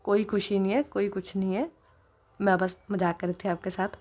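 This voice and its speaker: A woman's voice: medium pitch, level tone, normal speed, a little mellow, lightly acted. A woman voicing a playful young woman who teases her partner lightly. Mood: teasing. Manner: light, teasing.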